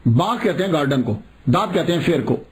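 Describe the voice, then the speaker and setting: A male preacher telling a religious story in a sermon, animated and asking rhetorical questions as he goes. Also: fairly high pitch.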